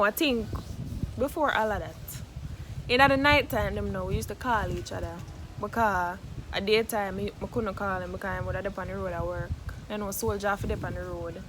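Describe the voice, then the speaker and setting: A woman with a Jamaican accent telling a casual, gossipy story in Patois, like phone gossip, acting out what was said. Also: medium pitch. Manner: animated retelling with acted-out quotes in Patois. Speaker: storytelling vlogger. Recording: noisy background.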